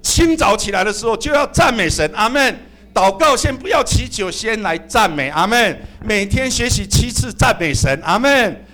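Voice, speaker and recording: Man, middle-aged, pastor's sermon, high voice, swooping lively pitch, humorous, amen and hallelujah calls. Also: normal speed, hardly any pauses, soft background music. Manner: humorous and animated, often calling out amen and hallelujah.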